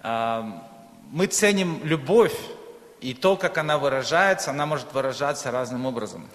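Speaking at a moderate pace, this man has a medium-pitched, animated, slightly bright voice. He is a guest preacher from Ukraine, a native Russian speaker, delivering short phrases so an interpreter can follow. The church hall recording echoes with long reverb.

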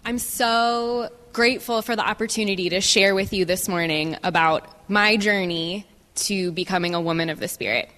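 A woman giving a personal testimony as a guest speaker, speaking in measured phrases and pausing for an interpreter. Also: mid-range voice, a bit bright. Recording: reverberant hall.

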